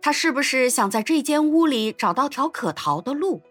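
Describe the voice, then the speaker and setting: A woman narrating an episode of a classic adventure novel in an expressive storytelling manner. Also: high voice, moderate pace, soft background music. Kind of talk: scripted narration.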